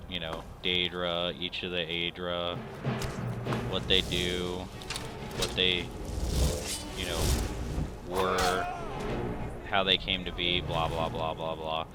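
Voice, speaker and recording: Deep-voiced guy doing let's play commentary, rambly, got the hiccups, game music behind. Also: completely flat delivery, slow, pauses often. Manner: rambling, filler-heavy, self-deprecating. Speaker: gameplay video host.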